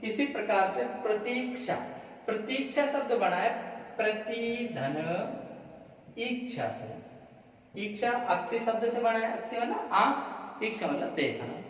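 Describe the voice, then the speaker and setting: A man teaching a classroom lesson, repeating words slowly and quizzing the class. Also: extremely high pitch, expressive. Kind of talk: classroom lecture. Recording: echoey room, voice from far off.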